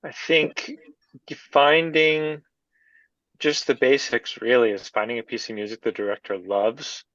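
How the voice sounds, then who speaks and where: A man who works as a film composer, answering interview questions in an easygoing, halting way with many fillers. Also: mid-range voice, fairly even intonation, fairly bright tone, no echo, dull audio.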